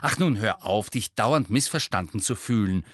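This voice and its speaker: A man voicing a clever, bossy teenage girl who talks in a brisk, lecturing way. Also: mid-range voice, animated, dry recording, clean studio sound, pitched above the performer's own voice, close to an everyday voice. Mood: sharp.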